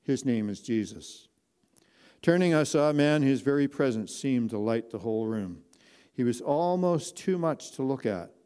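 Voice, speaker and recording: A man narrating a first-person inspirational story slowly and earnestly, with dramatic pauses. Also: mid-range voice, animated, mellow, smooth.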